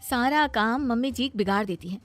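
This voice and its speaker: Earnest young cartoon wife. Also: female voice, a little high, moderate pace, noisy background. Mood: indignant. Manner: earnest and defensive. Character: young wife, gentle, wrongly blamed.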